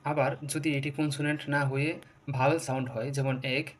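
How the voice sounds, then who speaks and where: A man with a slightly high voice gives a patient lesson. He spells words out and works through one example after another. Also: level tone, fast. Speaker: English teacher. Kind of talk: explanatory lesson.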